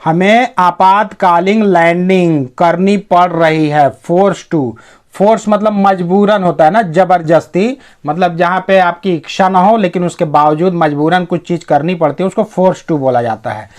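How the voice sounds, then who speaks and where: An English teacher with a slightly high-pitched male voice teaches a reading lesson in Hindi, moving through the text one word at a time and reading the English sentences slowly and with care.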